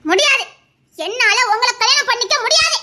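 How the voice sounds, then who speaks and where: A woman's voice: extremely high pitch, lively intonation, brisk, bright, forceful tone, exaggerated voice. A woman voicing a hurt young bride-to-be who refuses a marriage. She speaks Tirunelveli Tamil in a bitter, tearful, defiant manner.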